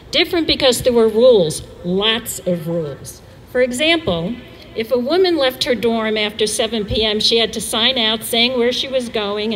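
A woman in her sixties from New York City, giving a measured, storytelling convocation address as chair of the trustees. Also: a little high, a little hiss or hum, poor audio. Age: 60s. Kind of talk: formal speech.

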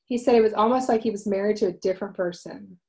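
A woman in her forties hosts a wellness livestream from a room at home, telling a casual personal story into her desk webcam. Her voice is loud and medium-pitched, and she's earnest and halting, with many ums and restarts while she talks with her hands.

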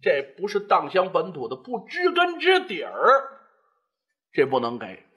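A male storyteller voicing a stubborn, cautious old father who grumbles in a low voice. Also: wildly swooping pitch, unhurried, pushed and bright, exaggerated voice. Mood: wary grumbling.

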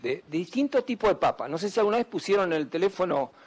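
A man's voice: high voice, animated, fast talker, breathy edge. A man, a doctor giving an emphatic public talk to students and often asking them questions. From Argentina. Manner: asks the audience questions, emphatic.

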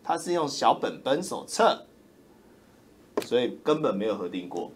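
Man, political livestream commentator; loud, roaring, sneering, pitch leaping all over. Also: very animated, normal speed, slight background noise. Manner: loud, roaring, mocking, insulting.

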